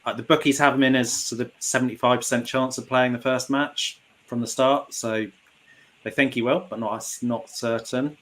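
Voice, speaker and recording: A British man speaks as a podcast panellist in casual discussion. He has a mid-pitched voice and lays out his points in a measured way. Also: fairly even intonation, a bit bright.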